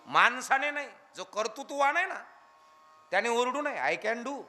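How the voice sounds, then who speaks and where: A man preaching a devotional kirtan sermon, animated and firing questions at his listeners, now and then chanting lines of verse. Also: extremely high pitch, normal speed. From Maharashtra, India.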